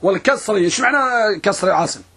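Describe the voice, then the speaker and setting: A man teaching an Arabic grammar lesson in a classroom, reciting verses slowly and quizzing his students. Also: high-pitched, animated, pushed and bright, husky. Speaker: Islamic scholar teaching grammar.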